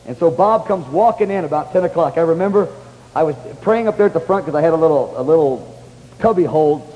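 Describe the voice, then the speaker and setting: Man, high voice, animated sermon testimony, excited exclamations, echoey hall. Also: fast talker, dull audio. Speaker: pastor.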